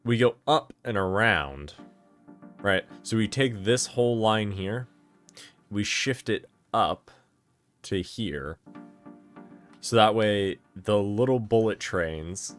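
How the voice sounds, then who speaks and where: A man's voice: lowish voice, slow pace, long pauses, a bit bright, soft background music. A man giving casual gameplay commentary, thinking aloud and correcting himself as he plans, sounding tired and yawning at times. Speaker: gameplay streamer.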